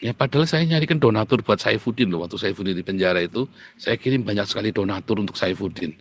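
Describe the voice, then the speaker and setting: A man preaching a sermon in an animated, boastful and scolding way. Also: lowish voice, quick pace. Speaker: pastor.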